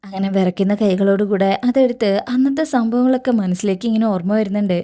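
A woman retelling a television serial episode as a narrator, steady and matter-of-fact. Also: medium pitch, fast talker. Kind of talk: storytelling episode recap.

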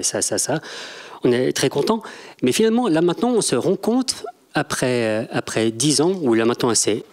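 Man moderating a panel, medium pitch. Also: darkish tone. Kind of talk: informal live stage hosting. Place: large theatre stage. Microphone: handheld microphone.

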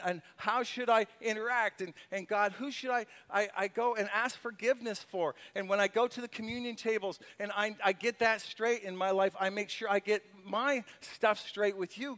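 Holding a handheld microphone on a church stage in a large hall, a middle-aged male pastor delivers a sermon and prayer before moving into stage conversation. His voice is high, bright and forceful, and he speaks earnestly, repeating words as he climbs to fervent emphasis.

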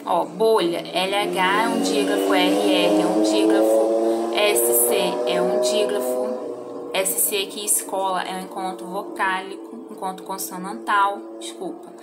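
A Brazilian woman primary school teacher correcting a homework exercise in a recorded remote lesson, explaining slowly and clearly and often checking "tá?" with the children. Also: fairly low pitch, animated, loud music behind the voice, poor audio. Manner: slow, clear syllable-by-syllable explanation with frequent "tá?" checks.

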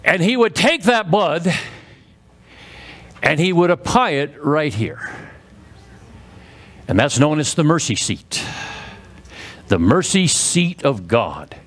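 A male pastor delivering a sermon in a notably high voice. He preaches with fervor, repeats key words over and over, and calls the congregation to say them back. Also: sing-song, takes it slowly, long pauses. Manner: fervent, repetitive, leads call-and-response.

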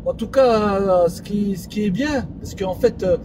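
A man chatting casually in French suburban street slang, peppered with Arabic religious interjections. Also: unhurried. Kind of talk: casual chat. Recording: noisy recording with vehicle rumble behind.

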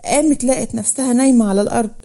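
A woman with an Egyptian accent narrating a scripted village love story in a steady, plain manner. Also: fairly high pitch, very fast.

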